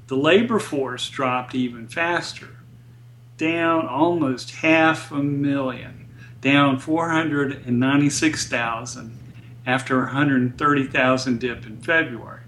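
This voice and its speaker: A man speaking as a guest economist in an interview, explaining data in a measured, deliberate way. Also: medium pitch, a bit bright, slight background noise.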